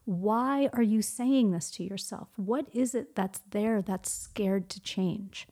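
A woman appears as a guest on a podcast conversation, speaking slowly in a mellow, medium-pitched voice. She is reflective and keeps asking herself questions, then answering them.

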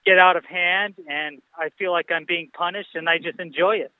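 A male caller heard over a thin, tinny phone line. His voice sits high, and he speaks cheerfully and deadpan, as if nothing he says is strange. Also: normal speed. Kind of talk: comedic call-in sketch.

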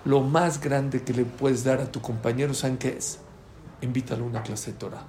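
A man's voice: mid-range voice, steady tone, moderate pace, warm tone. A man giving a religious talk, emphatic and addressing his listeners with questions. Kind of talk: preaching talk. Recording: echoey room with faint background noise.

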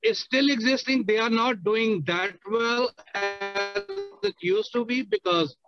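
High-voiced man on a car speakerphone. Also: unhurried, highs cut off, music in the background. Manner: steady, detailed, careful explaining. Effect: car speakerphone while driving. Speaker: caller asking a question. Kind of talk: casual question on a call.

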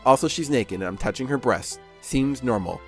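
A man's voice: medium pitch, moderate pace, soft background music. Sarcastic man narrating a game. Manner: sarcastic, self-mocking. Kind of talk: comedic playthrough narration.

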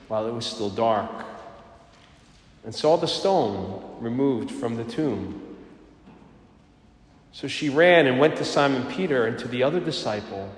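Priest with a cathedral echo. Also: male voice, medium pitch. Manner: measured, storytelling delivery. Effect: cathedral echo, long church reverb. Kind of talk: gospel reading and homily. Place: large church. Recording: echoing church with long reverb.

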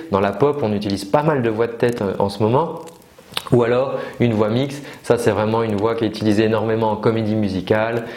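A man's voice: medium pitch, darkish tone. A man teaching singing in a casual online lesson, explaining with many fillers and demonstrating sung notes. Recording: roomy echo.

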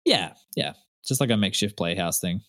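A man's voice: sits low, expressive, fairly quick, a bit bright, a little hiss or hum. A man running a tabletop role-playing game as game master, telling the scene descriptively in a casual way. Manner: descriptive storytelling, casual asides.

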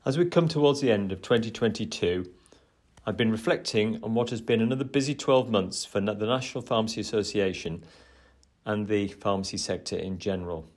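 A man with a fairly low voice gives a prepared address. He sounds measured and earnest, like the chair of a professional body. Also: darkish tone. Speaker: trade association chair. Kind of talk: prepared formal speech.

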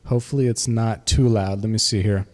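A man giving a casual, halting demo of his music software, with a reverb effect on his voice. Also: lowish voice, fairly even intonation. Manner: halting, many fillers. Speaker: music producer.

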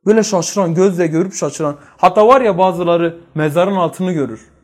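Brief: male religious teacher, high voice, rhetorical questions to the room, swings between loud and hushed. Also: normal speed. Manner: quizzes listeners with rhetorical questions. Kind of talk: religious study lesson.

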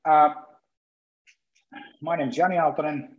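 A man giving a webinar presentation on sales, speaking haltingly with frequent restarts. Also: fairly high pitch, fairly even intonation. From Finland. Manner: halting, many restarts and fillers. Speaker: marketing consultant presenter. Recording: echoey room, dull lo-fi sound.

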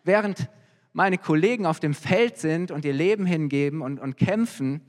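A man's voice: on the high side, normal speed, natural voice. A man voicing Uria, a loyal, dutiful soldier who answers in a firm, refusing way, heard in a reverberant hall. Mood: firm refusal.

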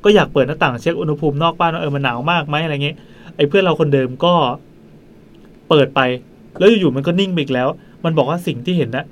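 A man hosting a podcast, telling a ghost story in a quick, chatty way into a studio mic. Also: a little high. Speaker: podcast host.

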